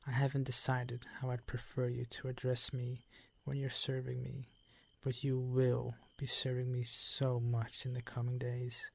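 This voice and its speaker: Playing a predatory vampire count with a possessive streak, a man in an ASMR roleplay uses formal, teasing, commanding language and a breathy voice that often drops near a whisper. His mid-range voice stays monotone at a measured pace, slightly mellow, on a dry recording.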